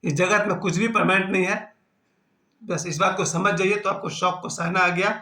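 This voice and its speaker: A man's voice: high voice, fairly even intonation, moderate pace, sharp tone, echoey room. A man in his fifties giving an earnest, self-mocking personal talk on his vlog. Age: 50s. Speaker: vlogger.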